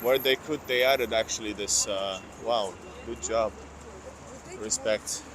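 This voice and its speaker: Here a male vlogger from Finland, native in Finnish or Russian, speaks with a slight Finnish accent in a voice on the low side, taking his time. He's livestreaming a walking tour, meandering in his talk, self-correcting and reading chat comments, while street traffic fills the noisy background.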